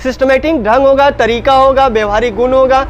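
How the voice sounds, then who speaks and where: A man from India leads an English grammar lesson in Hindi, his voice sitting fairly high for a man. He fires questions at the class and often answers them himself, going over each point again and again in a classroom lecture. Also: steady tone, fairly quick, highs cut off, a little hiss or hum. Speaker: English teacher.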